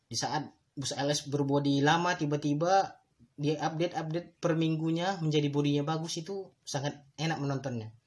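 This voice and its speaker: Speaking at a normal speed in a steady tone, this podcast host has a fairly high-pitched male voice. Alone at the mic, he addresses his audience directly and moralizes a bit. His explanations are considered and teaching-minded, with the occasional stretched word to drive a point home.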